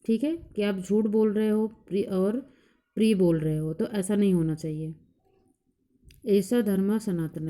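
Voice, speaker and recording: A woman teacher explaining a lesson to a class, reciting verses slowly and then explaining them in plain, repeated points. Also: mid-range voice, mellow. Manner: repeats each point several times. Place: coaching class.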